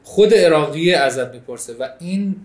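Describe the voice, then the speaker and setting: A man's voice: fairly high pitch, animated, darkish tone, echoey room. A man from Iran co-hosting a casual chat, telling stories in an earnest, chatty way. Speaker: co-host.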